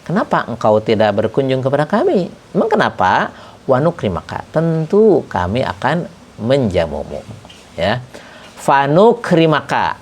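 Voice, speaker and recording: A man teaches a religious kitab study lesson. He explains each point step by step, and his pitch moves in a lively, animated way. He slows right down whenever he recites an Arabic example.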